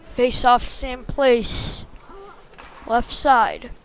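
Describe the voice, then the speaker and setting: A woman with a fairly high, steady voice gives informal live play-by-play of a youth ice hockey game, speaking very slowly in short, clipped, colloquial phrases. The low-quality amateur livestream from the ice rink carries faint background noise.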